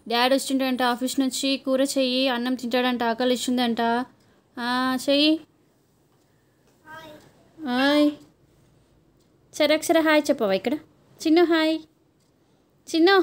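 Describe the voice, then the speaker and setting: A mother with a Telangana Telugu accent filming her toddler at home on a phone, coaxing and teasing the child in playful sing-song baby talk. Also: high voice. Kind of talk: home video chatter with a small child.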